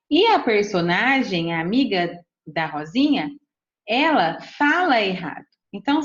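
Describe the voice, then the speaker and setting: A woman teacher, patiently explaining a grammar lesson step by step to children and often checking in with "tá bom?". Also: a little high. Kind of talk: recorded remote lesson. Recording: dull lo-fi recording.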